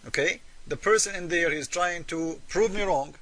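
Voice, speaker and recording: A man with a high, bright voice argues emphatically in English at a moderate pace. He is a religious debater and presenter offering polemical commentary, repeating himself, posing rhetorical questions, and speaking non-native English with irregular grammar.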